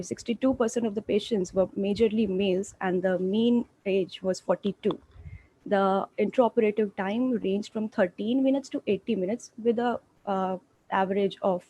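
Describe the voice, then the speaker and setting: A woman doctor presents her findings at an online conference in a mellow, relaxed tone. She answers questions with deference and stops often to correct herself. The sound is dry and close. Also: mid-range voice, no echo. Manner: polite, deferential, frequent self-corrections.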